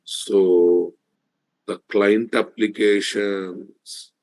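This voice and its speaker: A man's voice: lowish voice, fairly even intonation, extremely slow, a little mellow, low-quality recording. A man with a Telugu Indian accent lecturing live online as a programming instructor, repeating statements emphatically and checking in with rhetorical questions.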